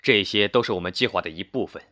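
A man doing a calm, friendly police chief. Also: fairly low pitch, quick pace, dry recording, studio quality. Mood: calm, reassuring. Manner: smiling, reassuring, explains at length.

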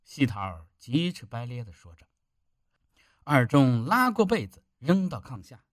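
A man's voice: medium pitch, big pitch swings, unhurried, no room sound, studio quality. A man narrating a village story in an emphatic storytelling manner. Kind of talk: audiobook narration.

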